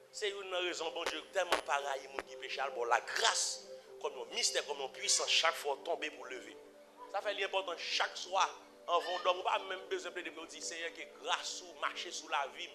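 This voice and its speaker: A man with a Haitian accent preaching a sermon, repeating phrases and swinging from low murmurs to loud emphatic cries. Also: moderate pace. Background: music.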